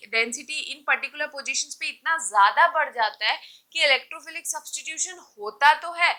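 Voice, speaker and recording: A woman's voice: high-pitched, pushed and bright, rough recording. A woman teaching chemistry in a classroom-style lecture, asking rhetorical questions and answering them herself, with light teasing of her students.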